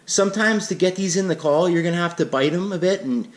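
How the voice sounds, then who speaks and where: A man's voice: sits high, fast talker. A man giving a casual, plain-spoken, unscripted hands-on tutorial as an instructor. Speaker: instructor in a how-to demonstration.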